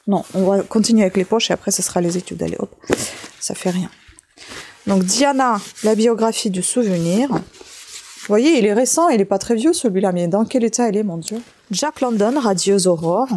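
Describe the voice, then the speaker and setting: A woman with a soft, mellow tone keeps up an easy running commentary as she goes through a pile of books. She talks to her viewers casually and thinks out loud, dropping frequent little asides at the ends of her sentences. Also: medium pitch, animated, moderate pace. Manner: chatty, thinking aloud while handling items, frequent "hein". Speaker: vlogger sorting books from bulky-item collection.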